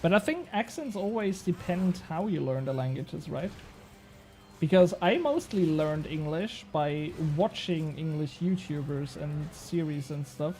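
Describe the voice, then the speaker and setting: Over soft background music and poor audio, a young Swiss game streamer whose first language is Swiss German chats casually with his viewers as he plays. His voice is a little high, animated and darkish at a measured pace, and he rambles, pokes fun at himself, swears casually and laughs often.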